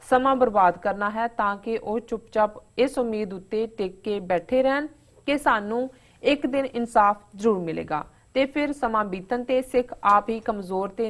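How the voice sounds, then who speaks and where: A woman co-hosting a talk show, reading a viewer's letter aloud in a measured, earnest way. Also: medium pitch.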